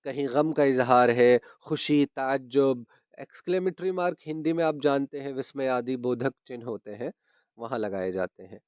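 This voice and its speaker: In a smooth, slightly mellow mid-range voice, a male teacher explains punctuation in a grammar lesson. He repeats the important terms patiently and makes sure his students understand, with no echo on the recording.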